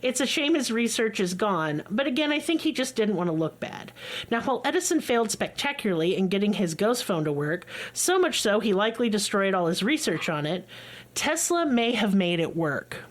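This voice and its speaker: A woman hosting a podcast, telling a story in casual chat, blunt and excitable, with swearing. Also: mid-range voice, a little fast. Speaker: podcast co-host.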